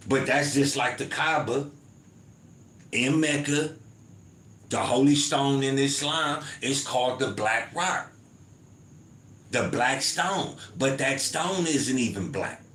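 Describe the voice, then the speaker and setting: Slow and pausing often, a man with a medium-pitched, fairly bright voice and lively intonation hosts his own podcast. He's from the United States, reads chat comments, and talks loosely with listeners, leaning on "you feel me" and "man." The home recording is roomy with faint ambience.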